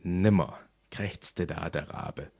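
Deep, husky man reciting dramatic poetry. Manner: declamatory, rising to urgent outbursts and sinking to slow, hushed refrains. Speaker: audiobook reader.

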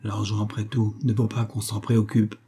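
A man's voice: lowish voice, level tone, normal speed, mellow, slightly rough. A man reading aloud and voicing a proud, broke young man who pleads and stammers, then puts on dignity. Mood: ashamed.

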